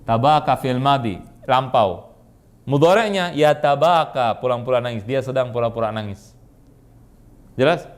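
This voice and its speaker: An Indonesian-accented man teaching an Arabic grammar class, quizzing students with quick questions and repeating their answers. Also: medium pitch, animated. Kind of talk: classroom lesson.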